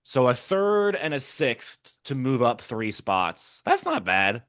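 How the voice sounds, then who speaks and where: A man's voice: medium pitch, sing-song, takes it slowly, fairly bright tone, no room sound, clean studio sound. A man co-hosting a casual podcast, reacting live to a sports draft from a hotel room and thinking aloud. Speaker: podcast co-host.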